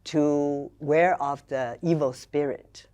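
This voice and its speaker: An older woman with a very low, mellow voice speaks slowly as a guest. She explains traditions carefully, in a storytelling way. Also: fairly even intonation, smooth, lo-fi sound. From China and Taiwan. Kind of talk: conversational interview.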